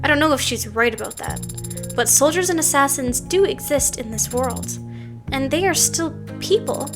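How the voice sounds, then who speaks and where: Style: reading game dialogue aloud. Figure: a woman voicing an earnest, gentle young woman with a high voice. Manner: soft, sincere. Music: faint. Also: lively intonation, moderate pace.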